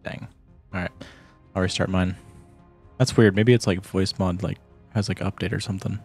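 A man's voice: sits low, fairly even intonation, normal speed, darkish tone, faint music behind. A man chatting casually with a gaming partner, his voice coming through glitchy, warbling call audio. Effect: glitching, warbling voice-chat audio. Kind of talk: casual chat while gaming.

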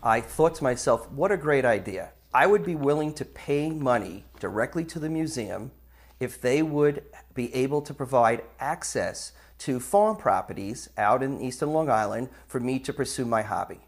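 A man's voice: medium pitch, lively intonation, moderate pace. A man, a metal detecting hobbyist, telling his story reflectively in a documentary interview.

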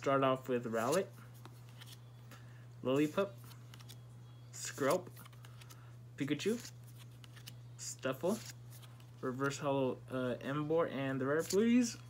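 A young man talking casually as a vlog host, muffled by a mouth full of marshmallows, in halting bursts. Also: mid-range voice. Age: young adult. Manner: slow, halting card-by-card delivery. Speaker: video host opening trading cards. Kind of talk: casual challenge vlog commentary. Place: indoor room at home, seated. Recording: noisy room, crinkling card packs.

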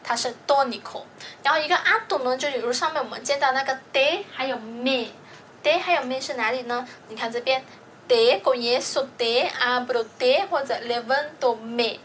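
A woman's voice: high-pitched, normal speed, a bit bright, a little hiss or hum. A woman teaching a grammar lesson, explaining patiently step by step and often checking that students follow. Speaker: language teacher.

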